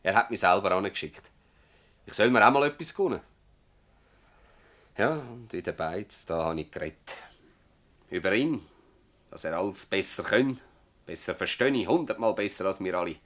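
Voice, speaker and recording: In a Swiss German dialect radio play, an actor voices a stubborn, bitter old village farmer who rambles, insists, and repeats himself for effect. His male voice sits somewhat low and slightly bright, with lively intonation, a moderate pace, and frequent pauses. He sounds agitated and rueful.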